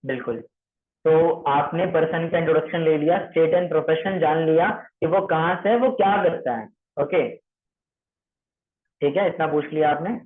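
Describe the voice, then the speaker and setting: This man from Maharashtra speaks a little high and at an ordinary pace as he walks trainees through a calling script. Repetitive by habit, he checks their understanding often and drops English phrases into Hindi, all heard through thin, phone-like sound.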